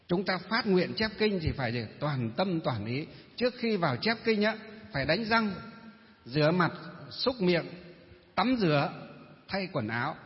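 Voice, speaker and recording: A male Buddhist monk with a Northern Vietnamese accent giving a dharma talk, posing rhetorical questions and answering them himself. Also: fairly high pitch. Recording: reverberant hall, dull muffled sound.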